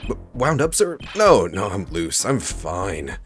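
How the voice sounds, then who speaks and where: A man's voice: deep voice, animated, normal speed. A man voicing a nervous young male rookie defense attorney, jittery and insisting he is fine, over game music. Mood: flustered. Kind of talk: reading game dialogue aloud. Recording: game music playing behind.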